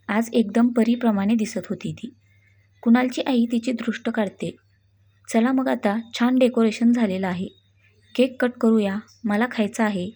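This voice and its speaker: Woman, story narrator, scripted reading, slightly high voice, mellow tone. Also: breathy edge. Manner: reads all characters' lines in near-plain narrating voice.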